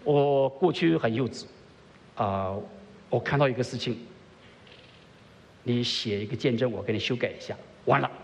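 A man preaching a sermon as pastor to a congregation at a church service. He keeps asking his listeners questions, swings between soft and emphatic delivery, and drops English words into his speech. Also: medium pitch, normal speed, creaky, long pauses, in a large hall, a little hiss or hum.

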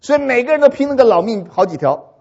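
A high, lively male voice that swoops around, slightly husky, telling a humorous story to an audience and pausing to ask whether they follow. It reaches the listener through a dull, lo-fi recording with long hall reverb. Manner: animated, keeps checking if listeners understand. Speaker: speaker addressing an audience.

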